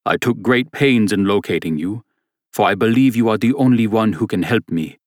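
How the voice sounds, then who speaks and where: A man's voice: fairly low pitch, normal speed, dry recording, studio quality, lightly acted. A man reading the part of a troubled German man in his early thirties, with a German accent and a formal, apologetic way of speaking. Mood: earnest.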